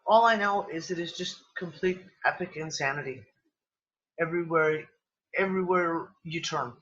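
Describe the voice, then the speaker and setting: Speaking on the high side at a normal speed, the man's fairly bright tone comes through dull audio. He's hosting a casual livestream chat on a video call with a computer mic, sniffling, losing his voice, and rambling with exclamations and free swearing.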